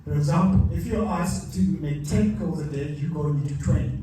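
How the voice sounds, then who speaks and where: At a live motivational masterclass in a large hall, a man speaks emphatically and repeats his key lines to the audience. His voice is mellow, brisk and on the high side, picked up by a distant, echoey hall mic with a little hiss or hum.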